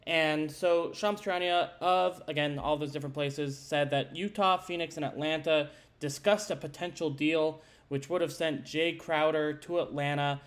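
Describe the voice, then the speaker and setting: Slightly high-voiced male sports podcast host. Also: steady tone, moderate pace, few pauses. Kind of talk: casual sports podcast talk.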